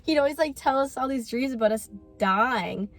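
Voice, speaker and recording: A woman's voice: high-pitched, normal speed, soft background music. A young woman telling a story in casual vlog chat, full of fillers. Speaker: vlogger.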